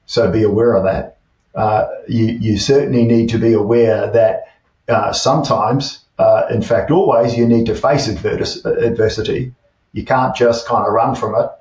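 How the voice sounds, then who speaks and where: NZ-accented guest in his fifties; halting, restart-heavy delivery, heard at a distance with a muffled tone. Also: fairly low pitch, a little mellow. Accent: New Zealand. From New Zealand. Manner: hesitant, many fillers and restarts. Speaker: guest, tech CEO. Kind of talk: casual interview chat. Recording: distant, dull, roomy remote audio.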